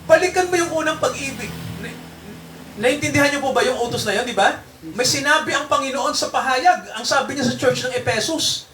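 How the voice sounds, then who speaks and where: High-voiced preacher man, echoey church. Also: brisk, sharp tone, distant mic, slight background noise. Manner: constant tag questions to the congregation. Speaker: pastor. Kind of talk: Taglish sermon.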